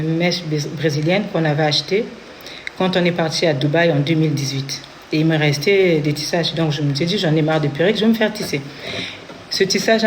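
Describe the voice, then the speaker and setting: Speaking with a deep voice over slight background noise, a woman from Congo shares her personal story as an interviewee. Her accent is Congolese French, her tone is earnest, and she acts out what others told her.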